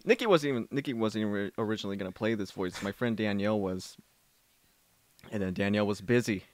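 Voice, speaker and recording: A man's voice: lowish voice, fast talker, dry recording. A man casually commenting on his own movie, rambling and self-mocking, laughing often.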